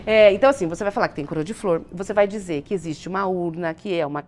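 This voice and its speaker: A woman's voice: on the low side, fast, a little mellow. A woman psychologist, a guest on a studio talk show, explaining things patiently and often asking and answering her own questions.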